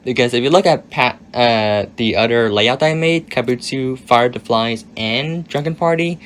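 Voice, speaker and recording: A young man with a raspy voice answering viewer questions in a casual, hedging monologue that often trails off. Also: mid-range voice, moderate pace, a bit bright.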